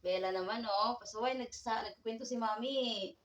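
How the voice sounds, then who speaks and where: A woman's voice: on the high side, moderate pace, echoey room, distant mic, highs cut off. A woman vlogging at home, talking playfully to her cat and laughing often. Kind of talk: casual vlog chat with her cat. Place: indoors at home, in a bedroom.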